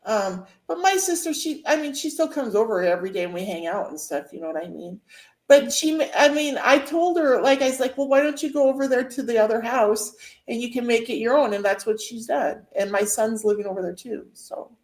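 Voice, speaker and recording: A woman's voice: on the high side, expressive, brisk, darkish tone. A woman co-hosting a casual podcast chat, rambling with lots of fillers. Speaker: podcast co-host. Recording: roomy echo.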